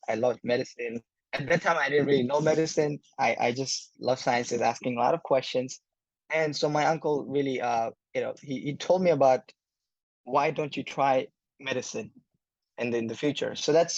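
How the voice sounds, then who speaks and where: A young Bangladeshi man, an incoming medical student, answers interview questions thoughtfully, with many pauses and fillers. His voice is medium-pitched, and the recording is lo-fi with no echo.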